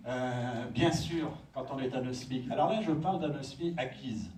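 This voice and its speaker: A man delivers a lecture, explaining step by step and pausing to check that his listeners follow. His voice sits at an ordinary pitch and comes from a distance in a reverberant conference room, with a faint hiss underneath. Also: darkish tone. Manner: explanatory, checks in with audience often. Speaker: conference speaker. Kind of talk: lecture talk. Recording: echoey hall from far off.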